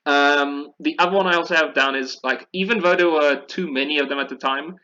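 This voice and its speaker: Talking a little fast in a slightly high, pushed and bright voice, a man hosts a podcast chat about video game history, explaining things in a loose, rambling way. The audio is dull.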